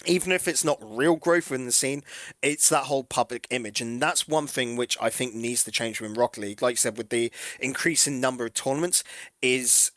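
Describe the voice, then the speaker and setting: A man's voice: medium pitch, a little fast, a bit bright, no room sound. A man co-hosting a casual esports podcast, rambling and hesitant with lots of fillers. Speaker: podcast co-host.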